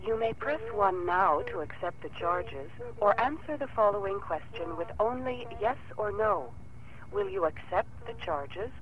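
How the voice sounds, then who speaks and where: Wanita operator otomatis di saluran telepon umum. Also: female voice, medium pitch. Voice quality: measured, even-toned, clearly enunciated. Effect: automated collect-call message over a payphone line. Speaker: automated phone operator prompt. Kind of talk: recorded phone system announcement. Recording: muffled phone line with faint hiss.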